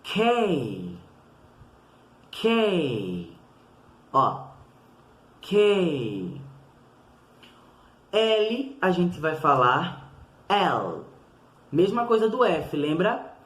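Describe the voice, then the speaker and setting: A man records a lesson for young pupils, saying each sound slowly and more than once. His pitch swings up and down with lots of movement, and he never rushes. The room around him rings with noticeable echo. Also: sing-song, a bit bright. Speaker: primary school teacher. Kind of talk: recorded online lesson for children.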